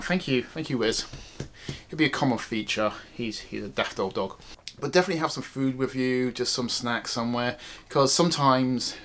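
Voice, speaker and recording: A man's voice: medium pitch, a bit bright. A man, a wedding photographer, giving casual, emphatic advice to viewers in a chatty vlog. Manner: chatty, emphatic, repeats phrases.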